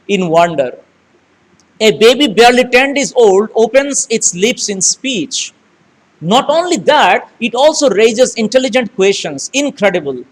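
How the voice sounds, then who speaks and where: A man's voice: sits high, rough recording. A man, teaching a lesson, reading lines aloud and explaining word meanings, mixing in Hindi. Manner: reads story lines aloud then paraphrases. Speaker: English teacher. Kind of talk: classroom text explanation.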